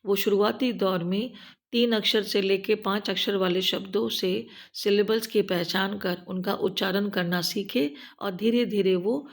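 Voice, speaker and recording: Female narrator for a teacher-training lesson, Hindi-speaking Indian accent, gravelly edge, steady instructional delivery. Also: medium pitch. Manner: steady step-by-step explaining; slows to spell out English terms.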